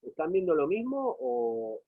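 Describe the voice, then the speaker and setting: A man's voice: on the high side, very animated, a little slow. A man with an Argentine accent giving a university lecture over a video call, explaining at length and often checking in with his students. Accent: Argentine Spanish. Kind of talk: online class lecture. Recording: tinny phone-like call audio.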